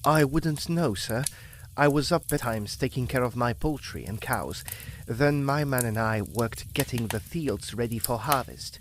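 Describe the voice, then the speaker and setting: A man in an old-time radio drama plays Walter Markham, the polite, earnest young farmer suitor asking a father if he may marry his daughter. He uses his natural, mid-range voice and speaks unhurriedly, and the recording is rough with slight background noise.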